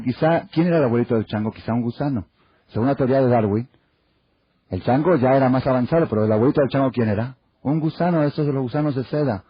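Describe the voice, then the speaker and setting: Rabbi teaching a torah class, husky voice, dull old tape, dry sound. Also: male voice, mid-range voice, no echo. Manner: storytelling with rhetorical questions and acted quotes. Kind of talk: Torah class with humorous anecdotes. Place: lecture hall.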